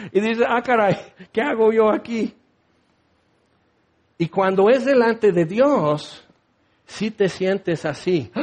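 High-voiced man preaching a sermon. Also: darkish tone. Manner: dramatic, acts out quoted scripture voices. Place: tent.

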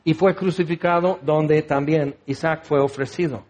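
A man's voice: on the high side, fairly even intonation, moderate pace, a little mellow. A man preaching a sermon, teaching with rhetorical questions and acting out the voices he quotes.

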